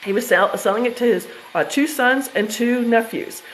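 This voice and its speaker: An American woman in her fifties, a trust educator, gives investors a casual presentation on trusts. She is chatty and keeps interrupting herself, with lots of fillers and restarts. Her voice sits on the high side at a normal speed, and the rough recording carries a slight hiss or hum.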